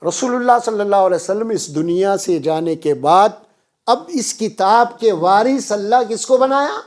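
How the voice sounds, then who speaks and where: A man's voice: high-pitched, expressive. A man preaching a Quran lesson, explaining verses and raising his voice for emphasis. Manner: preaching with rising emphasis, chanting Arabic verses.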